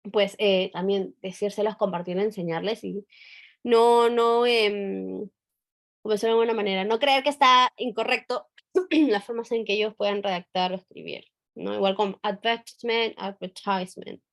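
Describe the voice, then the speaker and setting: A woman English teacher, giving a conversational online training talk full of fillers and tag questions. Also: medium pitch.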